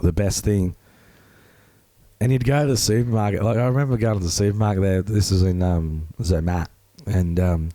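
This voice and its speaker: Man, podcast co-host, grating hoarse voice, deep pitch, dark tone, dry close sound. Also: normal speed, no echo. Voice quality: grating, rough. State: hoarse, strained voice from losing it. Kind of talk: casual chat.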